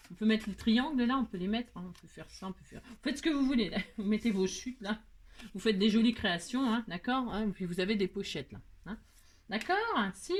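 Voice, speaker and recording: A middle-aged woman hosting a craft tutorial, chatting playfully to her viewers as she works. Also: mid-range voice. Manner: chatty and playful, talks to viewers, many tag words. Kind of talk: casual craft tutorial talk.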